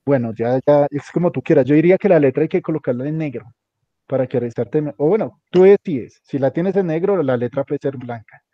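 A man with a fairly high, slightly fast voice teaches a hands-on computer class, giving step-by-step directions and repeating them often. The recording is dry, dull and lo-fi.

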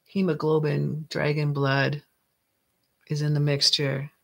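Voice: mid-range voice, completely flat delivery, slow pace, gravelly. A crafting channel host from Canada, narrating casually and playfully while working, often talking to themselves. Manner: chatty, talks to self while working; playful, jokey.

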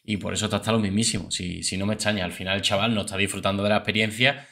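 A man talks over clips in a chatty, opinionated way. His voice is lowish and bright, and forward in tone. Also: steady tone, racing, gravelly. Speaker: host. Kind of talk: casual commentary on reality TV clips.

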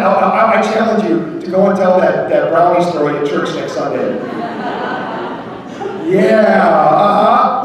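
A man, a pastor from the United States, giving a lively storytelling talk to an audience, repeating words and quizzing his listeners. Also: sits high. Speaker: pastor giving a ministry presentation. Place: large echoey hall. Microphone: distant from the microphone. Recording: echoey hall from far off.

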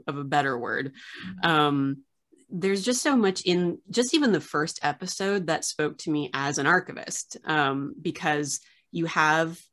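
This host is an archivist in her thirties, with a low-pitched, somewhat bright voice, conducting a casual interview by video call. She talks chattily, often using fillers and restarting sentences, from a small room whose wall bears framed pictures.

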